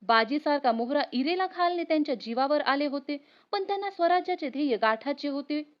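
A woman's voice: sits high, animated, brisk. A woman teacher reading a history lesson aloud for students, telling it expressively and speaking to viewers directly. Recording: muffled lo-fi recording.

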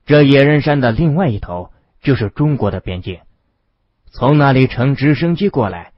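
Husky male audiobook narrator, lo-fi. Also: mid-range voice, lively intonation, moderate pace, no room sound. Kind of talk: storytelling narration. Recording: dull lo-fi dry recording.

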